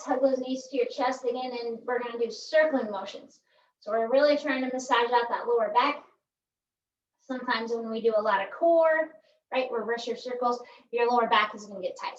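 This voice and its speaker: A woman's voice: high voice, reverberant, far from the mic, lo-fi sound, slight background noise. A woman leading a pilates core workout, chatty and upbeat, counting reps aloud while she exercises and often asking "right?". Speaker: pilates instructor. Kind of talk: workout instruction.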